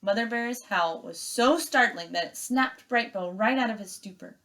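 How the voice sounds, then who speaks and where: Using a mid-range voice at a moderate pace, a female teacher reads aloud to young children and walks them through instructions step by step in an expressive, emphatic manner.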